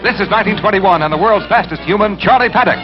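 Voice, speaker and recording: A man narrating old newsreel sports footage in an excited announcing manner, heard through old film sound. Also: sits high, fast talker. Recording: dull lo-fi film sound with loud music.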